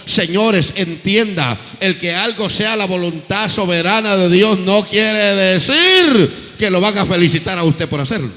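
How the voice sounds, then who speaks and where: A man's voice: high voice, expressive, a little slow, hardly any pauses, sharp tone, in a large hall. A male preacher, delivering an impassioned sermon full of rhetorical questions and acted-out quotes.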